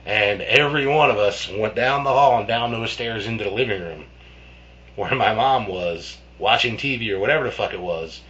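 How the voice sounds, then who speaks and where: A man's voice: on the low side, moderate pace, a bit bright. A man casually telling a childhood ghost story in a rambling, profane way, full of restarts and fillers. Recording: dull lo-fi with faint hum.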